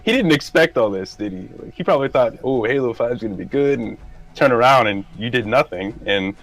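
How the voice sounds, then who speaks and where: A man co-hosting a podcast in casual gaming chat, halting and repeating words as he goes. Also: medium pitch, lively intonation, a bit bright, poor audio. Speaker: podcast co-host.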